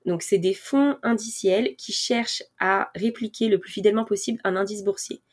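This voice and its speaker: The personal finance vlogger keeps a steady, mid-range tone at normal speed while casually walking viewers through things step by step. Many fillers and restarts appear, along with the odd self-mocking laugh.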